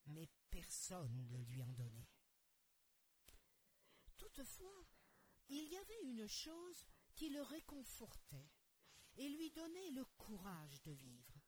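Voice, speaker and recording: Expressive woman narrating a Bible story. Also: a little high, slow, long pauses, slight background noise. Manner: expressive storytelling, asks the listener questions.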